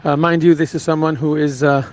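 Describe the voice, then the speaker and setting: A rabbi recounting a personal story in an earnest, halting way, with frequent restarts. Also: male voice, on the high side, flat delivery, rough recording.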